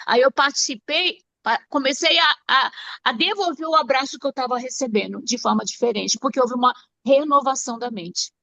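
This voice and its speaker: A woman sharing thoughtful reflections in a church study group, measured with small restarts. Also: sits high, vocal fry, pushed and bright. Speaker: Bible study participant.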